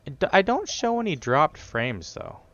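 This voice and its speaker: A man's voice: a little high, wildly swooping pitch, moderate pace, a bit bright, dull audio. A man streaming a video game, chatting casually and muttering to himself as he adjusts his stream settings. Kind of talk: casual gaming stream chat.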